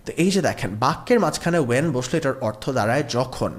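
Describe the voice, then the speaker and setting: A man teaching spoken English. He says example sentences slowly and clearly, then explains them in Bengali. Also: medium pitch. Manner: lively, sing-song emphasis.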